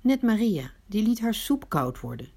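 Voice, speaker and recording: A woman telling a dramatic first-person story, swinging between hushed asides and indignant outbursts. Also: mid-range voice, sing-song, moderate pace, vocal fry, breathy edge.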